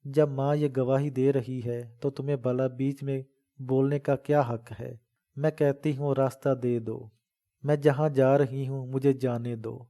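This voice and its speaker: A man's voice: medium pitch, level tone, mellow, natural voice. A man voicing a fierce, protective old village mother in a dramatic audiobook reading, talking fervently and scolding. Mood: fierce defiance.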